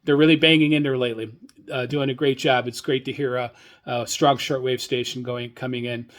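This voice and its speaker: A casual male host of a solo hobby radio show speaks with enthusiasm, though he hesitates, rambles, and repeats words often. His mid-range voice has a steady, fairly bright tone.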